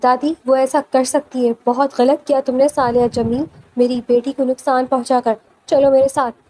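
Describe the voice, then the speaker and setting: A woman's voice: high-pitched, flat delivery, warm tone, lightly acted, poor audio. A woman reading the part of an angry, commanding young father in a storybook romance. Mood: furious. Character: furious protective young father.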